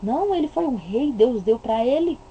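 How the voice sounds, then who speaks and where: A woman's voice: a little high, expressive, normal speed, dark tone, dull audio, slight background noise. A woman with a Brazilian Portuguese accent giving an impassioned religious monologue, emphatic and full of rhetorical questions. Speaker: religious commentator.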